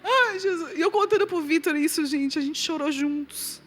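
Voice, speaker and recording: A Brazilian woman in her thirties with a Brazilian Portuguese accent, preaching and giving a testimony to a live audience. She tells stories in an animated way, swings between loud and soft, and laughs along with the room. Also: high voice, a little fast.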